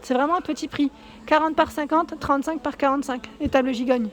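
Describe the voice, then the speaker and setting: A woman's voice: high-pitched, fairly quick. A woman vlogging a walk through a furniture store, reading out prices and sizes one by one and correcting herself now and then. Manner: reads out prices and sizes in a steady list, with small self-corrections. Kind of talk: casual store walkthrough vlog.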